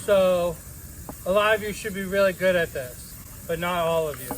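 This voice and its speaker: A woman hosting a parody cooking and craft show, explaining each step with gushing, playful over-excitement. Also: fairly low pitch, normal speed, a little hiss or hum, poor audio. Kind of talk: mock-earnest cooking and craft demo.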